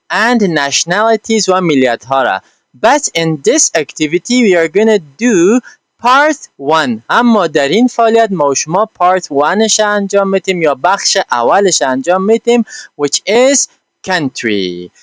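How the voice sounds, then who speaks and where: A male English teacher with an Afghan accent speaks slowly in English, then switches to a quicker translation. His voice is smooth and clear, a little higher than most men's, and recorded close and dry. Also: big pitch swings, a bit bright, no echo. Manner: slow careful English, then quick translation with frequent fillers. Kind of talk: bilingual English lesson, explaining each line in Dari.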